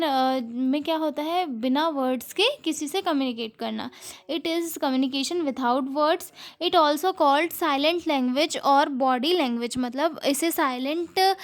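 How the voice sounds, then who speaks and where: High-voiced woman tutoring nursing students. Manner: reads English note lines slowly, then explains them, saying "ठीक है" often; frequent filler pauses. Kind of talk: explanatory lecture mixing Hindi and English.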